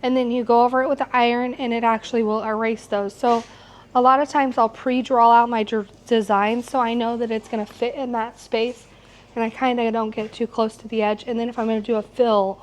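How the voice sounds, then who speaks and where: A middle-aged woman with a slightly hoarse voice, teaching an informal hands-on quilting class. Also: a little high. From United States, located in Missouri. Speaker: quilting instructor. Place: shop workroom with warehouse shelving, small seated class. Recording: clear background noise in shop room.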